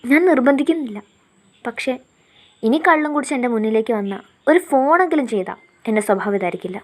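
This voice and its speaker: A woman's voice: a little high, lively intonation, quick pace. A woman voicing a fiery, playful young bride-to-be. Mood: firm pleading. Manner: insistent, demanding, with a sulky edge. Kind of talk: storybook narration.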